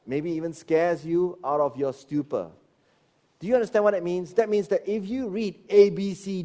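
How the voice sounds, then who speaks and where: A middle-aged man preaching a sermon, animated, firing rhetorical questions and dropping into low asides. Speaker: pastor.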